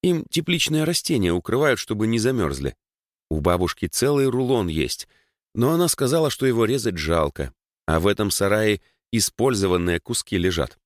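A talkative young village girl, as a male narrator puts her on, chattering away in a voice raised high above his own. Her pitch leaps around eagerly, and the sound is dry and close. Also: very animated, normal speed, dry recording. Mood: explaining. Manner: talkative, explaining at length.

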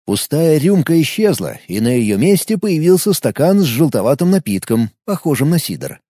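A man narrating an audiobook with animated, expressive storytelling. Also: fairly high pitch, normal speed, husky, dry recording, studio quality.

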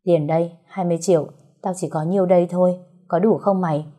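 A woman voicing a blunt but caring young best friend who speaks briskly, in a storybook reading. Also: lowish voice, fairly even intonation, warm tone, lightly acted.

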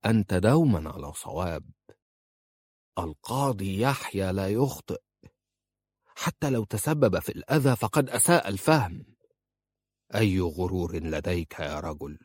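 Man voicing a sarcastic young husband, curt, low voice, audiobook story, dry close sound. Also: normal speed, darkish tone, no echo. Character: young husband, cold, sarcastic, hard-hearted.

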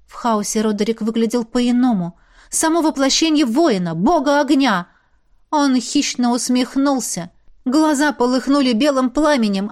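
Woman, audiobook narrator, fantasy romance, first-person, emotional, intimate, higher voice. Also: darkish tone.

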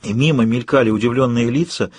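A man narrating an audiobook in a steady storytelling delivery. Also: medium pitch, fast, breathy edge, no echo.

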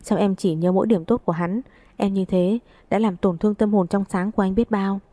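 A woman's voice: mid-range voice, steady tone, fairly quick, warm tone, dry recording, natural voice. A woman reading the lines of a cheeky, joking young man in an audiobook, with a playful teasing manner.

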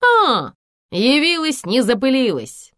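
A woman reading an audiobook voices a blustering aristocratic man who barks his lines loudly and irately. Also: medium pitch, sing-song, moderate pace, dry recording, clean studio sound. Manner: loud, irate, barking.

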